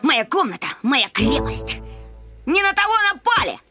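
A cartoon boy blusters loudly, insisting he fears nothing while plainly scared, as a woman acts him out. His voice sits very high and leaps all over the place. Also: big pitch swings, normal speed, over music. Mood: blustering. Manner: blustery, shouting bravado. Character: boastful, cowardly young boy who claims no fear.

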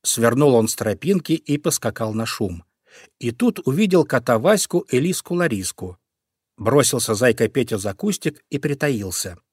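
Calm male storybook narrator, dry sound. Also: mid-range voice, moderate pace, breathy edge, no room sound. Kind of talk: storybook reading.

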